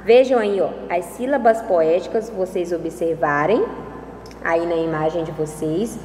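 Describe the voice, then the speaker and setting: Female teacher, slow careful delivery, reverberant room, faint background hum. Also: fairly low pitch, darkish tone. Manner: slow and careful, spelling out syllables. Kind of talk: recorded lesson on poetic meter. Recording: echoey room with long reverb and faint ambience.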